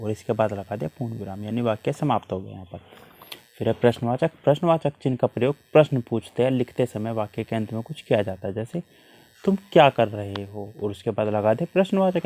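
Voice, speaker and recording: A man's voice: mid-range voice, a little fast, warm tone. A man teaching a worksheet lesson to children, patiently explaining with repeated examples.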